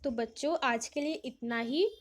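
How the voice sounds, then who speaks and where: A woman with a slightly high voice speaks at normal speed while explaining a worksheet to young children. She reads English lines, follows with Hindi explanations, and answers the questions she raises.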